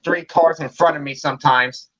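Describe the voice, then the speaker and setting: A man from California's Bay Area, chatting casually, halting and repeating words, quick to laugh. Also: fairly high pitch, steady tone, fairly bright tone, no echo, lo-fi sound. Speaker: co-host. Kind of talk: casual chat.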